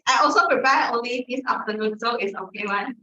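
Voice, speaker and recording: A woman's voice: a little high, a little fast, bright, forceful tone. A woman with a Malaysian accent speaking informally at a club meeting in colloquial Singlish-style English, on a dull recording. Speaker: toastmasters meeting speaker and host. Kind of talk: informal club speech and hosting. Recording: dull, lo-fi sound.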